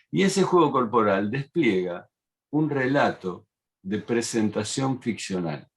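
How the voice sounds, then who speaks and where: A middle-aged man, talking in a measured, explanatory way and often pausing on fillers. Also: medium pitch. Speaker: panelist. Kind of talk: reflective talk.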